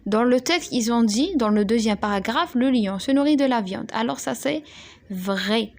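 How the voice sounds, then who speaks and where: Woman, young, teacher, slow careful dictation, spells letters out, slightly high voice. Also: expressive, darkish tone. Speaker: French teacher. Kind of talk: primary school lesson.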